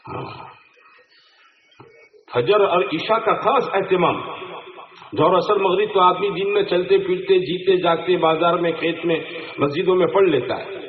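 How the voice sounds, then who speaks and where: A man's voice: high-pitched, unhurried, long pauses. A man preaching an Islamic sermon to a gathering, often putting questions to the listeners. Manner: asks the crowd rhetorical questions. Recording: tinny phone-like sound in an echoey room.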